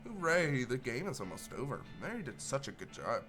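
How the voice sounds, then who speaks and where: A man's voice: medium pitch, big pitch swings, a little fast, loud music behind the voice, natural voice. A man voicing a creepy, sweetly playful little-girl porcelain doll with a childlike sing-song talking doll voice, reading video game dialogue. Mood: sweet, eerie.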